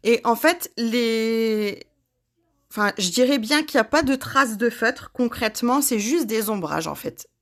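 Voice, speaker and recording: Slow, chatty woman demonstrating crafts. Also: a little high, lively intonation. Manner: chatty, addresses viewers by name, laughs at herself. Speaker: craft tutorial host.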